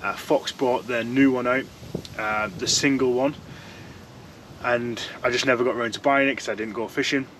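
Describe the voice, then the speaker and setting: A man's voice: mid-range voice, steady tone, moderate pace, a bit bright, slight background noise, low-quality recording. A young man chatting casually as he reviews fishing gear from inside a tent, rambling and restarting his sentences. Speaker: fishing vlogger.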